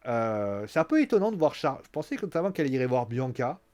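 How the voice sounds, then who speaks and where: Animated French-speaking man reviewing wrestling. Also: mid-range voice. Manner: animated, acts out scenes with quick exclamations. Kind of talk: casual commentary.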